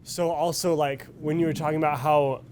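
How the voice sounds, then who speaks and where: A man's voice: a little high, steady tone, a little fast, a little mellow, a little hiss or hum. An eighteen-year-old man answering panel questions in an upbeat, enthusiastic way. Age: teens.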